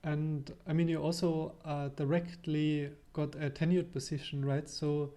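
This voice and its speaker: A man with a somewhat high but mellow voice hosts an interview over a video call. He asks his questions quickly and conversationally. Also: level tone. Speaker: interview host.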